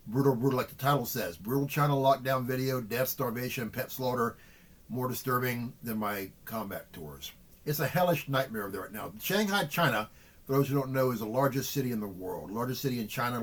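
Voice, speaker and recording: A middle-aged man talking earnestly to his viewers in a vlog monologue, repeating words and restarting sentences often. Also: medium pitch. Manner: earnest, repetitive, with frequent restarts. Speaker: vlogger. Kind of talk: emotional monologue to camera.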